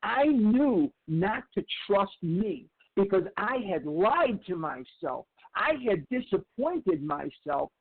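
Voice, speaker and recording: A man in his sixties tells his own recovery story in a candid, emphatic way, circling back over phrases. His voice sits a little high for a man. The sound is narrow and tinny, as if heard down a phone line. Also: big pitch swings, takes it slowly, hardly any pauses, husky. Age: 60s. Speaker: recovery speaker. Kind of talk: personal recovery share.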